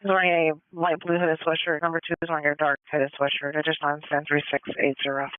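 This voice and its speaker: High clipped police radio dispatcher man. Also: monotone, clear, resonant tone, no room sound. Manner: rapid clipped dispatch codes. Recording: tinny radio scanner audio.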